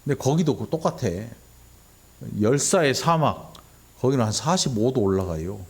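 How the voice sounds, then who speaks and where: Middle-aged male pastor, conversational sermon delivery, checks in with the congregation, acts out quoted lines with big pitch jumps. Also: animated, moderate pace, a little mellow, slightly rough. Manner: conversational preaching, constantly asking the congregation "응?". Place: church sanctuary.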